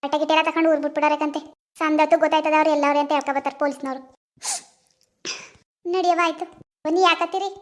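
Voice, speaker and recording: A bossy, vengeful village woman rattles off indignant threats in a very high, quick voice, played by a woman in an animated cartoon drama. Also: natural voice. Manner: scolding, indignant, rapid.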